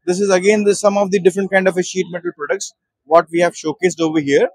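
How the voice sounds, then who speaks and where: At a busy exhibition hall stall, a husky Indian man who is managing director at a trade show guides listeners through his products. He speaks Indian English quickly in a high voice with fairly even intonation, hesitating often with many fillers and restarts.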